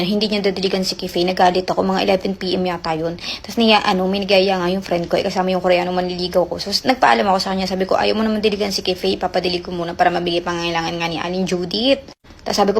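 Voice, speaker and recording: A woman's voice: on the low side, vocal fry, slight background noise. A woman telling a rambling personal story in casual chat, chatty and full of fillers. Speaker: caller sharing a relationship story.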